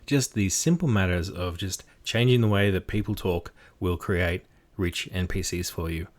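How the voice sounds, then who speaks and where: With a low-pitched voice at normal speed, a game master runs an informal tutorial on bringing characters to life. He switches between explaining and demonstrating voices, showing his technique as he teaches it.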